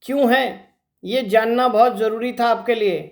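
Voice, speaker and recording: A man's voice: very high-pitched, fairly even intonation, normal speed. A male teacher leads an exam-prep grammar lesson. He works through each answer one step at a time, asking rhetorical questions and then answering them himself. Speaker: Hindi teacher.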